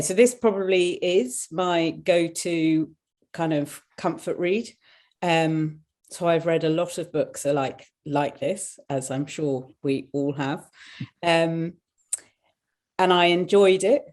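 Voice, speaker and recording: Woman on a book panel, deep voice, slow and umming a lot. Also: darkish tone. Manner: hesitant, with many ums. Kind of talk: casual book discussion.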